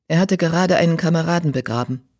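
Man narrating a storybook, slightly high voice. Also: fast talker, a little mellow. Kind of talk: audiobook narration.

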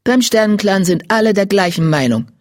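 A reader voicing an accusing tortoiseshell she-cat, pitched high and pressing. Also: animated, a little fast, no echo, studio quality, close to an everyday voice.

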